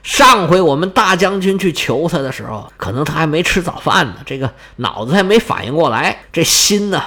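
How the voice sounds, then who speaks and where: A man's voice: a little high, big pitch swings, normal speed, sharp tone, heavily acted. A man voicing a fussy, boastful old Roman official who pleads and brags in a chatty, self-important way, in a Chinese storytelling performance. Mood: scheming.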